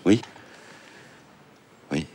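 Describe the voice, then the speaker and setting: An actor playing a middle-aged French president who barks curt orders in a period TV drama. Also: male voice. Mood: brusque. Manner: gives brisk orders, gruff. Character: older male president, commanding, curt, under strain. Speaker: President of the Republic.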